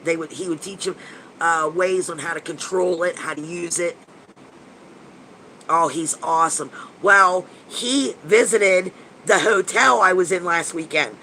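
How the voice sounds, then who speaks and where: Answering viewers in a casual livestream, a paranormal investigator in his fifties gushes and rambles, often starting sentences over and swearing offhandedly. His nasal, stuffy voice has a bright, forward edge and sits a little high for a man. He talks a little slowly, with a faint hiss and poor audio quality.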